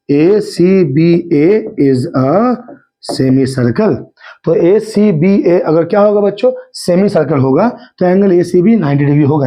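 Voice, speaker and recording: A man with a somewhat high voice, a little hoarse today, teaches a math lesson with constant coaxing questions to his students. The recording sounds dull and lo-fi. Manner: coaxing, keeps asking the class if they understood. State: slightly hoarse throat. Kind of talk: Hindi math lesson at a whiteboard.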